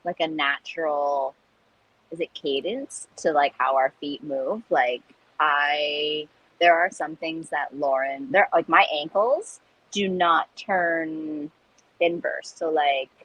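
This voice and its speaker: Bright, husky woman in animated casual chat. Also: sits low, takes it slowly, muffled recording. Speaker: guest, recreational jump roper. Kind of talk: casual chat about learning skills.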